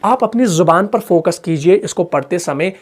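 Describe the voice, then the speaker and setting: High-voiced man teaching recitation patiently. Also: expressive, normal speed. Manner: patient, repeats points, asks checking questions; demonstrates sounds aloud. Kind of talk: explanatory lesson.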